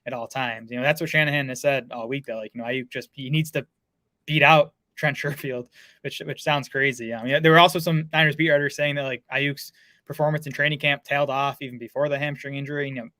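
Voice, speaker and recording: A man's voice: medium pitch, fairly even intonation, pushed and bright, no echo. A man talking fantasy football in a casual podcast chat, full of fillers and restarts. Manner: fast, lots of filler words and restarts.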